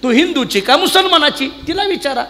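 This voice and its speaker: A man voicing a calm young male saint who answers patiently and sweetly. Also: very high voice, a little fast, pitched above the performer's own voice, exaggerated voice. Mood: gentle. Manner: gentle, patient questioning. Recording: long hall reverb.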